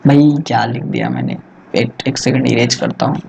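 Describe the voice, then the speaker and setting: A man's voice: medium pitch, big pitch swings, moderate pace, creaky, a little mellow, slight background noise. Chatty tutor man teaching to an audience. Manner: chatty, asks rhetorical questions. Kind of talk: Hindi-English exam lesson. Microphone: laptop recording.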